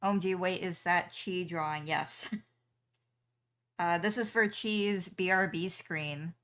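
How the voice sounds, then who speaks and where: A woman's voice: on the low side, takes it slowly, fairly bright tone. A young woman streamer chatting casually with her viewers while she draws, with frequent ums and small laughs. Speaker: streamer and artist.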